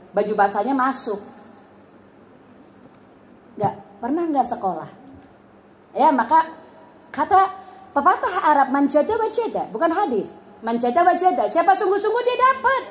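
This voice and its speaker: Middle-aged woman preacher, high voice, animated storytelling, roomy echo. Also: slight background noise. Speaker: preacher at a women's study group. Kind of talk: lively Islamic sermon. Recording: echoey room with faint ambience.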